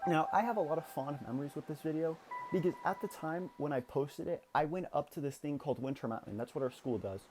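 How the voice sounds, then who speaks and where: Candid teenage guy, slightly high voice. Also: fast, background noise. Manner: candid, confessional, rambling with restarts. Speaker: YouTuber. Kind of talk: reflective personal vlog.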